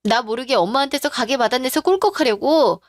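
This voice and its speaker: A woman's voice: sits high, lively intonation, fairly quick, no echo, clean studio sound. A woman playing a betrayed, furious wife. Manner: demanding, confrontational. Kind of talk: radio drama acting.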